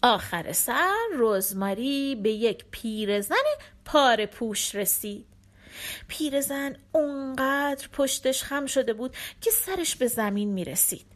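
A woman narrating a folk tale for listeners, expressive and acting out the characters. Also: a little high.

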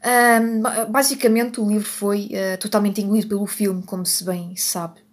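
Speaking in a steady, mid-range voice at a moderate pace, this podcast host chats without a script in European Portuguese-accented speech. She's Portuguese and frequently corrects herself, laughing at her own mistakes.

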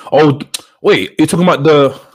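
A man's voice: on the high side, a little fast, slightly rough. A man, chatting casually as a co-host and often repeating phrases for emphasis. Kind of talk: casual chat about wrestling on a live show.

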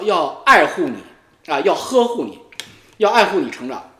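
A middle-aged man, rambling crudely and teasingly in a comic monologue, swearing freely and breaking into loud high outbursts. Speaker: YouTube streamer. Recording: echoey room.

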